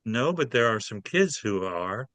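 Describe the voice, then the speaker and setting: A man voicing Jesus come back to earth, gentle and modest and a little hesitant. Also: fairly low pitch, very animated, unhurried, no echo. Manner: soft-spoken, modest, hesitant.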